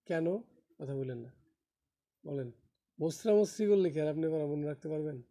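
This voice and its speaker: A man's voice: fairly high pitch, lively intonation, normal speed, warm tone. A man teaching English grammar in a classroom, quizzing his students and scolding them when they lose focus.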